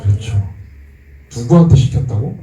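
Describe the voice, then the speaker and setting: Heard from far off in an echoey room, a man with an expressive, dark, medium-pitched voice speaks at normal speed. As pastor, he preaches a conversational sermon, asking the congregation questions.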